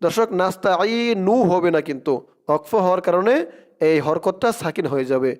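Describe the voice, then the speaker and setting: A man teaching Quran pronunciation, spelling out each letter slowly and then chanting the verse in long drawn-out tones. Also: high voice, lively intonation, clean tone. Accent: Bangladeshi Bengali.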